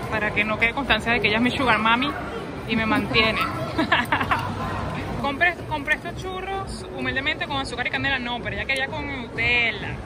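A young woman in her twenties records herself on a phone at arm's length outdoors. She tells a story in a lively, chatty way, with a slightly high voice. Street and traffic noise are clearly heard behind her. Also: normal speed, long pauses, a loud crowd. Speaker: vlogger. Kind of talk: casual vlog chat. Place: outdoors by a shopping mall. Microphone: phone held at arm's length.

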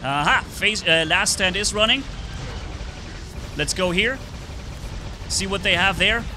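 A man giving live gameplay commentary on his own stream, excited play-by-play with sound effects. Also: high-pitched, takes it slowly, noisy background. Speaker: gaming streamer.

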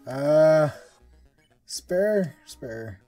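Woman gaming co-commentator, jokey and excitable, notably low and mellow voice, music faintly behind. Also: very slow. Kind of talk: casual let's play commentary.

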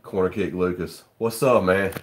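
A man with a low, deep voice hosts a casual live stream from a room at home. He talks in a loose, joking way and greets viewers by name between his remarks. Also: steady tone, moderate pace.

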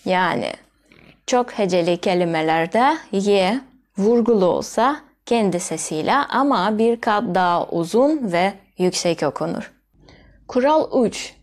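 A woman teaching a language lesson, explaining pronunciation rules and repeating each example word slowly and carefully. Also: mid-range voice, expressive. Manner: spells out sounds and repeats example words slowly. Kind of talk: slow, deliberate language lesson.

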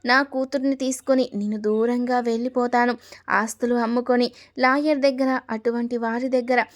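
A woman's voice: a little high, steady tone, normal speed, close to an everyday voice. A woman reading as a scheming middle-aged stepmother. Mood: pleading. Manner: pleading, self-justifying.

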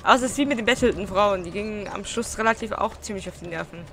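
A woman's voice: mid-range voice, fast. A young woman giving casual gameplay commentary, blunt and grumbling to herself. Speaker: let's player. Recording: clear background game noise. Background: game street ambience.

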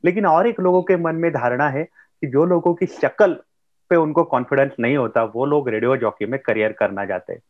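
A man's voice: medium pitch, fairly quick, narrow, tinny audio. A male interviewer who sums up his guest's points and then asks questions. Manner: summarizing, then posing questions. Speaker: interviewer host.

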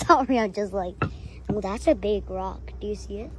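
A woman's voice: medium pitch, animated, normal speed, rough recording. A young woman filming a casual hiking vlog on her phone, chatting and exclaiming at the sights along the trail. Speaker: vlogger. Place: outdoor hillside trail. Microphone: handheld phone. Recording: outdoor phone audio with background noise. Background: outdoor ambience.

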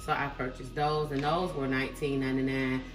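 A woman talks through her grocery haul in a low voice. Her delivery is relaxed and chatty, full of ums and likes. Faint music plays underneath. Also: brisk. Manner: relaxed, chatty, many fillers. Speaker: vlogger. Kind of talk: casual grocery haul chat. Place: home kitchen.

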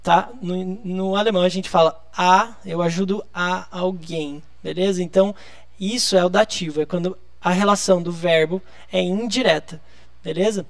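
A man's voice: high voice, steady tone, moderate pace, creaky, dry recording. A man from Brazil teaching a live online lesson, explaining patiently and drawing out key words. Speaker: German teacher.

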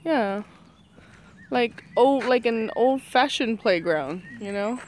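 A woman's voice: fairly high pitch, lively intonation, slow pace, a little hiss or hum. A woman vlogging while out walking, chatting casually, laughing often and cooing at animals. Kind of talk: casual chat on a walk.

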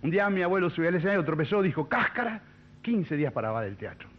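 A man, a comedian telling a chain of jokes in a chatty, animated way on a 1970s TV broadcast. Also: on the high side, racing, dull audio, background noise. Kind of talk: stand-up joke telling. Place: TV studio.

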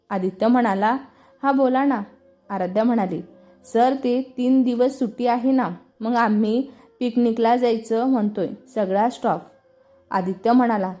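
A woman's voice: on the high side, warm tone. A woman with a Marathi accent reading a story aloud and voicing every character's lines in her own voice. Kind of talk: scripted story narration voicing all characters.

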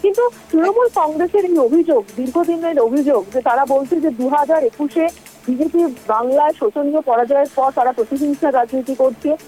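A woman's voice: high-pitched, brisk, mellow, faint music behind, low-quality recording. A woman reporter giving live news analysis, hesitant, with fillers and restarts.

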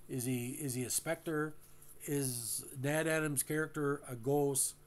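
A male host recaps and discusses a classic TV episode in a casual, halting style with many fillers, sometimes addressing listeners directly. His voice is a little high with fairly even intonation.

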